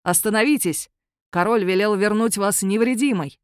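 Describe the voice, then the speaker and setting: A woman's voice: medium pitch, moderate pace, clean tone, no echo, studio quality, natural voice. A woman voicing a stern bald male chief hunter in an audiobook, formal and insistent. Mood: commanding. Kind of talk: audiobook character voice.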